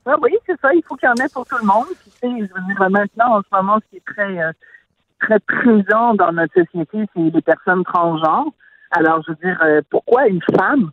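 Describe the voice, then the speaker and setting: A woman's voice: mid-range voice, lively intonation, fairly quick, no echo. A woman calling in as a radio guest, giving blunt, emphatic opinions. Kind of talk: casual radio chat. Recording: dry tinny phone line.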